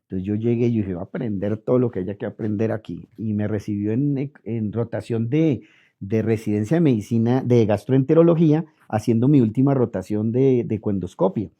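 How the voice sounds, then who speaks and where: A middle-aged Colombian man being interviewed, telling lively stories and acting out quoted dialogue. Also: on the low side, a little fast. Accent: Colombian Spanish. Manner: animated anecdotes, acts out quoted dialogue. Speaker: interviewed physician. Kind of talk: relaxed storytelling interview. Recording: dull lo-fi audio.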